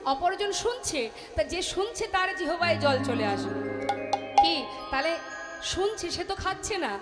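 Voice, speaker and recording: A woman's voice: very high voice, lively intonation, a little slow. A Bengali woman preacher giving a devotional sermon in storytelling fashion and addressing listeners directly. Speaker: kirtan singer and preacher. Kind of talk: devotional chanting and spoken sermon. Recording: echoey hall with music.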